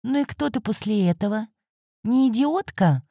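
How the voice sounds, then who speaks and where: A woman's voice: a little high, lively intonation, normal speed, dark tone, no room sound, clean studio sound, pitched above the performer's own voice. A woman voicing a grumpy, sarcastic male cat guardian who hisses and scolds. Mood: scolding. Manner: hissing, scolding.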